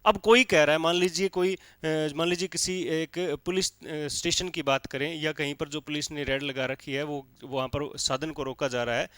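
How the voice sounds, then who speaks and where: In a dry recording, a man with a somewhat high, slightly bright voice gives a classroom lecture. He breaks the explanation into steps and pauses often to check on his listeners with things like "theek hai."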